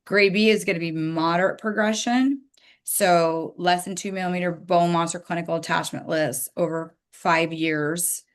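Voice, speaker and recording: A woman's voice: on the low side, steady tone, normal speed. Casual woman presenting a dental webinar. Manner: casual, chatty, apologetic asides. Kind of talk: webinar lecture with slides.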